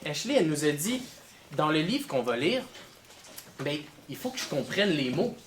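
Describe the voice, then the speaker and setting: A man's voice: fairly high pitch, normal speed, very noisy. A man teaching a class of children, asking them questions as he goes. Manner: lively, questioning pupils.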